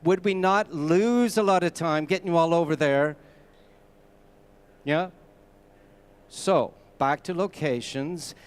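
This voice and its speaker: Speaking slowly with frequent pauses, this Canadian man has a fairly high, clean-toned voice. He's the presenter of a conference masterclass, sharing anecdotes in a conversational way and talking straight to the live audience in front of the stage.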